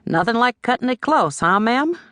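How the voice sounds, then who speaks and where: Bookish male airline clerk, friendly, voice pushed higher, played by a woman narrator, dry audiobook recording. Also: sing-song, moderate pace, a bit bright, no echo. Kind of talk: audiobook character voice.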